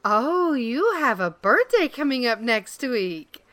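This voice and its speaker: A woman's voice: on the high side, very animated, slow, fairly bright tone, no room sound, full character voice. A woman playing a cheerful, unflappable school receptionist who talks in a chirpy, friendly way.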